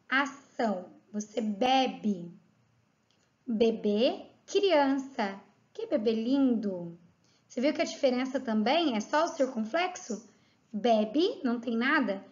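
A Brazilian woman teaching a grammar lesson to children, talking patiently and spelling each point out clearly. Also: high-pitched. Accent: Brazilian Portuguese. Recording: slightly dull lo-fi audio.

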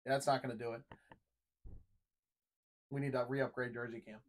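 A man's voice: mid-range voice, little pitch movement, moderate pace, slight background noise. A man in his thirties co-hosting a casual chat show, talking in a chatty, rambling way full of restarts. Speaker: co-host. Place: room full of hanging jerseys.

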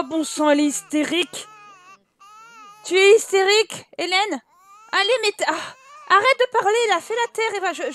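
High-voiced chatty woman gaming. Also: no echo. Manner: chatty, scolds her game characters in exasperation. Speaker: let's play host. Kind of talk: casual game commentary.

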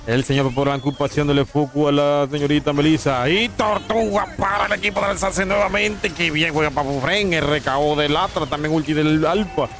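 A man's voice: on the high side, steady tone, normal speed, hardly any pauses, a bit bright, faint music behind. A man with a Panamanian accent giving live esports commentary, calling plays and teasing the chat between them. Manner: playful, teasing chat with viewers between play-by-play. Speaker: esports caster.

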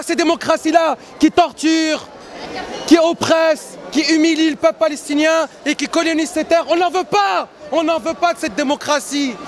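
A man campaigning loudly to passers-by, shouting and insistent, recorded in a busy indoor exhibition hall. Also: very high voice. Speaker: activist haranguing passers-by. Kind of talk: street campaigning speech. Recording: crowd and noise behind.

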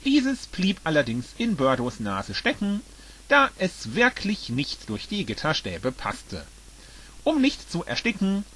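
A man narrating a fan-made audiobook with an animated, dramatic reading. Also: on the high side, breathy edge. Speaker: audiobook reader.

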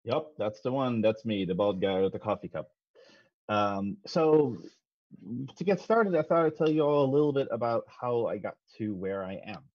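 A man in his thirties, originally from the Netherlands, walks a young audience through a science talk with relaxed, self-deprecating humor and frequent ums. His voice sits a little low. The sound is close and dry, with the slightly dull tone of a headset on a video call. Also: moderate pace, no room sound. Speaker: guest speaker, physicist. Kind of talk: casual presentation over video call. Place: small home office.

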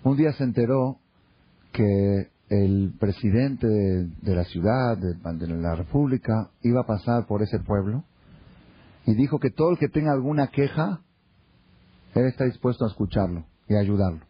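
A man giving a Torah class as a sermon, telling parables and acting out the characters' lines in an animated way. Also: on the low side, moderate pace, slight background noise. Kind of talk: sermon with storytelling. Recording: muffled lo-fi recording.

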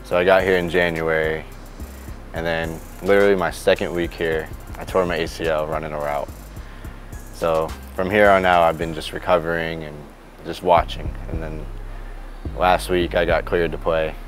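A man's voice: deep voice, flat delivery, moderate pace. A young man from Florida, a college football player, talking plainly and a bit rambling in a sports interview. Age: young adult. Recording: background music under voice.

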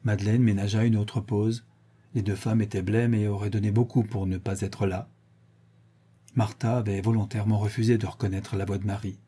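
A man reading a crime novel aloud as an audiobook narrator, in a calm, even storytelling manner. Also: lowish voice, a little fast, breathy edge. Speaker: audiobook reader.

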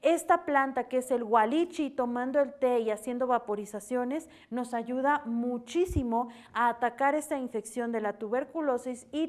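A woman with a Mexican accent giving a steady, explanatory health talk on the radio as an herbal advisor. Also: fairly high pitch.

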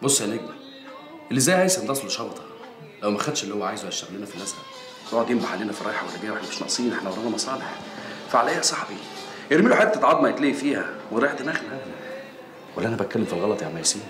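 Slick Egyptian crime boss, deep-ish, fast talker, roomy scene with score. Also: male voice, big pitch swings. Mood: confident. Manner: casual, confident, streetwise. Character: smooth-talking Egyptian gangster man. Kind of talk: film drama acting. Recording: roomy film scene with music.

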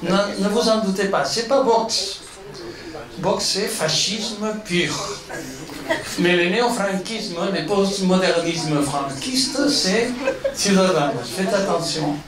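In an echoey hall, a man speaks slowly into a handheld microphone at a public meeting. His French is non-native, with a foreign Iberian accent, and he often gropes for words. The sound is somewhat distant, with an audience around him. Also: high-pitched, animated, crowd noise. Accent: Spanish or Catalan accent in French. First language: not French. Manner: halting, searching for words in imperfect French. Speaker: guest speaker at a political meeting. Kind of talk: impromptu speech answering audience questions. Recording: echoey room, distant pickup, audience noise.

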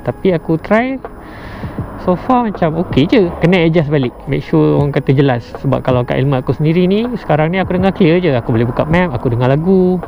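This young motorcycle vlogger, Malaysian accent and all, gives an animated, quick-paced product review outdoors on his bike by the road, slangy and peppered with English. His voice is a little high with vocal fry, over a noisy background and loud added music in muffled, dull audio.

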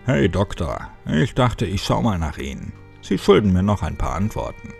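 A man's voice: low-pitched, big pitch swings, moderate pace, creaky, a little mellow, soft background music, exaggerated voice. A man voicing a sarcastic middle-aged male police officer who talks in a dry, mocking way. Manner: teasing, dry and sneering.

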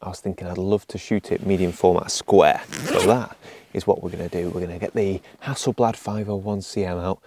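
A man in his thirties, a landscape photographer, calmly explaining his film-camera shoot outdoors in a forest, picked up by a camera mic a few meters away. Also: low voice, a little fast. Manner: calm, explanatory, counts a long exposure in a whisper. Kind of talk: on-location vlog narration. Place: outdoors in an autumn beech forest.

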